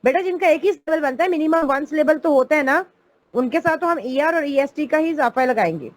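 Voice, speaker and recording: A woman's voice: high voice, lively intonation, fairly quick. A woman teaching an online English grammar class, explaining patiently step by step and calling her students "beta".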